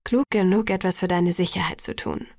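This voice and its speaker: Audiobook: woman voicing a soft-spoken, tender young man, half-whispered, slightly gravelly. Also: on the low side, steady tone, fairly quick, no room sound, clean studio sound, natural voice. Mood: reassuring. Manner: hushed and gentle, half-whispered. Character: calm, tender young man, softly reassuring. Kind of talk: audiobook character voice.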